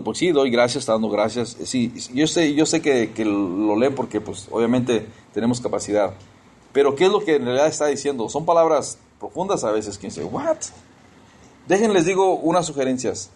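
A man's voice: medium pitch, animated, fairly quick, darkish tone, breathy edge. A man preaching an informal sermon, talking conversationally, asking his listeners questions, stumbling and restarting, and tossing in English exclamations. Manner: conversational, addresses listeners as brothers, asks questions.

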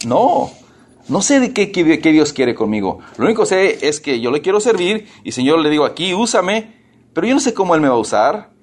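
A male pastor with a somewhat high voice gives a lively, conversational sermon. He speaks straight to the congregation and asks them rhetorical questions. Now and then he slips into the voices of people who complain. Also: fairly quick.

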